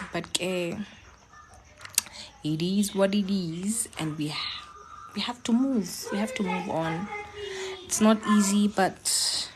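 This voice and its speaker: A woman's voice: mid-range voice, slow pace, pauses often, noisy background. A young South African woman chatting casually with viewers during a live stream from home, encouraging and mixing languages. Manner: chatty, switches between English and local languages, encouraging.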